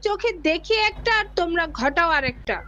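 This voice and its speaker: A woman acts out a suspicious, indignant wife in a comedy skit. Her very high, bright voice snaps out lines in a slightly dull recording. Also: lively intonation, brisk, exaggerated voice.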